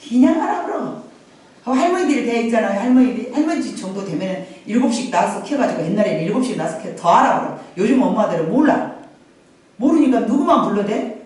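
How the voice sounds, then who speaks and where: A middle-aged woman pastor telling a Bible story in a lively, conversational sermon, repeating phrases and addressing the congregation directly. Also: a little high, fast talker. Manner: animated, repetitive, conversational asides to the congregation. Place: church sanctuary. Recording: very echoey sanctuary, from far off.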